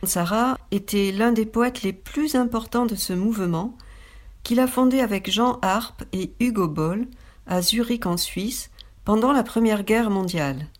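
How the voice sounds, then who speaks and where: A woman's voice: mid-range voice, unhurried. Woman narrating a cultural segment. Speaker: presenter. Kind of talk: scripted narration.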